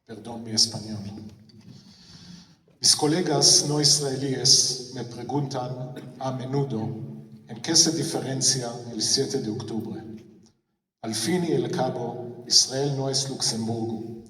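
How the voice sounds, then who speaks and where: Speaking first, a man gives a memorial address as a formal speech read in careful, halting, non-native Spanish, going very slowly and restarting on difficult words. His mid-range voice has a fairly bright tone. He sounds distant, in a large concert hall with a long, roomy echo.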